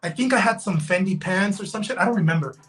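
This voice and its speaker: With a crowd audible in the background, a young digital fashion designer from Guatemala, raised in LA, chats quickly in a high voice as a video-call guest. Talkative in this casual interview, he keeps restarting sentences and saying "bro" and "man."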